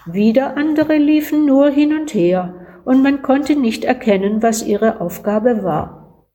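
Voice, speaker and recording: A woman calmly reading a devotional Christmas story aloud, slow and gentle. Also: high-pitched.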